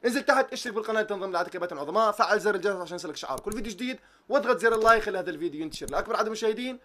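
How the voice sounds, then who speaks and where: Animated high-pitched man ranting. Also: racing. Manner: animated, swearing oaths, mocking tactics talk. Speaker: football reaction vlogger. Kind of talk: excited football reaction rant.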